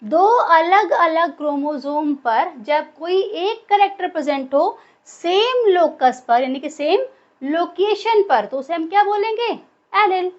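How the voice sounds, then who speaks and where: A woman's voice: very high-pitched, animated, takes it slowly, dull audio. A woman teaching a biology class in a lecture style, asking questions and answering them herself.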